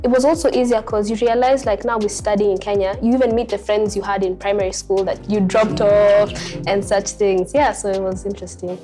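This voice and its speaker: A woman of twenty-one, a guest in a casual chat, speaking in a relaxed, measured way. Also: mid-range voice, soft background music. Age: 20s.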